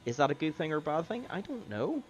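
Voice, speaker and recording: A man's voice: fairly high pitch, very animated, quick pace, music in the background. Chatty man commentating a sim race. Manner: chatty, laughs easily, many fillers. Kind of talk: casual live race commentary.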